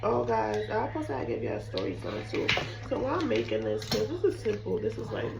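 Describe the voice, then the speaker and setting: Sick and losing her voice, a young cooking vlogger chats to camera in her home kitchen, speaking a little fast at medium pitch with huge pitch swings and vocal fry. She's chatty and apologetic and calls viewers "guys." Background noise, roomy echo and a distant mic mark the recording.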